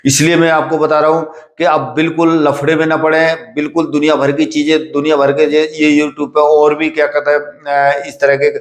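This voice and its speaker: A fairly high, monotone male voice delivers instructive advice to exam candidates, coach-style. He trains police and army recruits at a physical training academy and addresses students paternally, repeating himself, pausing on fillers, and asking check-questions. The recording sounds echoey.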